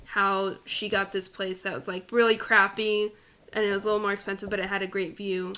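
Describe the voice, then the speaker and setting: A woman co-hosting a film podcast, talking in a lively way and laughing between points. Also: mid-range voice, brisk, clear, resonant tone. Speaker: podcast co-host. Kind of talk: casual film discussion.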